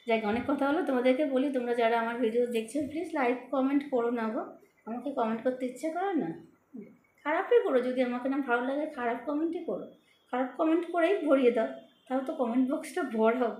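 A middle-aged woman vlogging at home into her phone. She speaks with a soft, slightly lisping, childlike manner and takes her time over words to say them clearly. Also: on the high side, reverberant, slight background noise. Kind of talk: casual chat to viewers. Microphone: phone camera.

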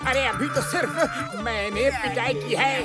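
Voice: medium pitch, measured pace, close to an everyday voice. A performer voicing a blustering cartoon gangster boss who whines and pleads in a sing-song way over background music. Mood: whining. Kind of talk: cartoon voice acting.

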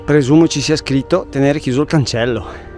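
A man's voice: mid-range voice, normal speed, a little mellow. A man talks his way up a mountain trail, narrating to a camera he carries as he walks, in a chatty, thinking-aloud manner. He is recorded outdoors, with faint music underneath his voice. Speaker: hiking vlogger. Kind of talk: casual hiking narration to camera. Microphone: camera carried while hiking.

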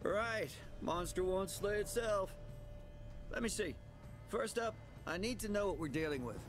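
Game casting: a cocky talking mare, surfer-dude drawl, sarcastic and carefree, higher voice. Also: male voice, animated, a little slow, music in the background. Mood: laid-back. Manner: breezy, teasing, sarcastic. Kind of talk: video game voice acting.

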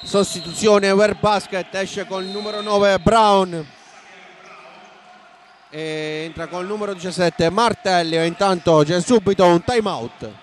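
A man with an Italian accent giving live basketball play-by-play commentary from a sports hall, raising his voice excitedly at big plays. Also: sits high, a little slow. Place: indoor basketball arena. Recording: noisy sports hall ambience.

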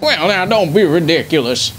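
A man's voice: on the high side, animated, moderate pace, fairly bright tone, faint music behind. A man voicing a forgetful, cheerful old grandpa war veteran in a folksy, rambling grandpa voice for online game role-play. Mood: rambling, reminiscing.

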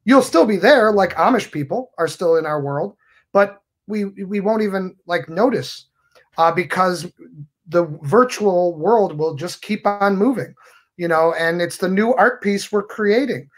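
Chatting on a podcast via video call, a middle-aged male magician waxes philosophical in an expansive, gesture-heavy way. He has a high voice and keeps a measured pace.

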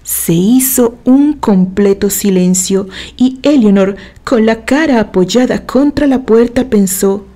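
A woman from Mexico with a Mexican accent, reading a horror novel aloud in a measured, deliberate storytelling manner. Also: a little high, warm tone. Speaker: narrator.

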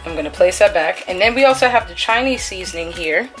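A woman's voice: lowish voice, expressive, quick pace, fairly bright tone, soft background music. A woman filming a casual cook-along in her home kitchen, chatty and upbeat as she talks through each step. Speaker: cooking vlogger.

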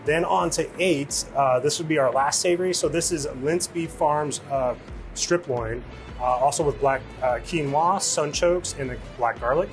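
A middle-aged chef from Illinois talks through a tasting menu in a casual, halting way, filling pauses with "uh". His voice sits a little high for a man. He is recorded on a lapel mic in a restaurant kitchen, with faint music underneath. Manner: casual, listing with many fillers. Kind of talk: interview, describing dishes.

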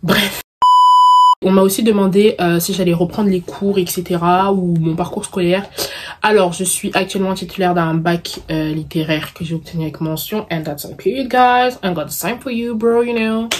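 There's slight background noise as this woman, speaking at a normal speed in a fairly low, darkish voice, answers questions from her viewers. In her early twenties, she's from the Paris suburbs with Congolese roots, and her chat is casual, playful and slangy, tossing in English catchphrases in a suburban French accent.

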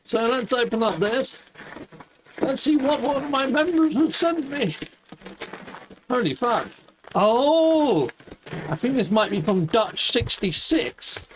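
A man's voice: sits high, sing-song, measured pace, background noise. A middle-aged man chatting casually as a gaming YouTube host, exuberant and full of playful catchphrases. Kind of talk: casual gaming stream chat. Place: indoor home streaming setup, seated.

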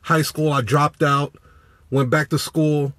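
This live-stream comes from a Chicago business coach parked in his car, phone at arm's length, delivering motivation in an animated, preachy style while greeting viewers by name. His voice sits a little high and he takes his time. There's no room sound at all.

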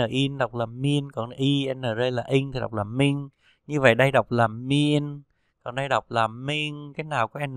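A man teaching pronunciation, reading syllables one by one in a slow, deliberate drill. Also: mid-range voice, clean tone, no room sound, studio quality. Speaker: Chinese pinyin teacher.

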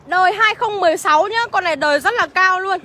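A woman's voice: very high-pitched, fast talker, sharp tone. A woman with a Northern Vietnamese accent livestreaming from a used car lot, chattily rattling off car features and prices. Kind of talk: livestream sales pitch.

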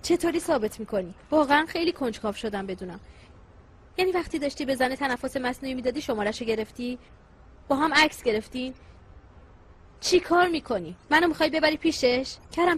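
An actress dubbing a hurt, distrustful young wife into Persian, speaking in a sharp, sarcastic, accusing way. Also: female voice, sits high. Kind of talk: Persian dub of a Turkish drama.

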